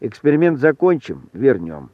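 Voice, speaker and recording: A man doing a surly, husky young wizard. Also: medium pitch, sing-song, normal speed, no echo. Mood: sullen. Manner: sullen, rude. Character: gruff, surly young male wizard, hoarse. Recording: thin phone-like sound, dry.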